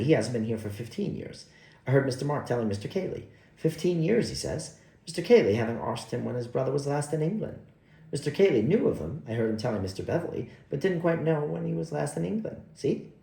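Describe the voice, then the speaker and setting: A chatty young parlour maid, light and careless in her talk, as a man reads her in an audiobook. The voice is lifted a bit higher, gravelly underneath. It sounds like an echoey room. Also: big pitch swings, a little fast, dark tone.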